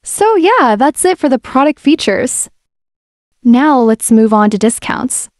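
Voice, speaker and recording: Friendly woman walking through software. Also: high voice, measured pace, dry recording, studio quality. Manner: relaxed, friendly step-by-step explaining. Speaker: software demo presenter. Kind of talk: casual screen-recorded software walkthrough. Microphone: voice-over mic.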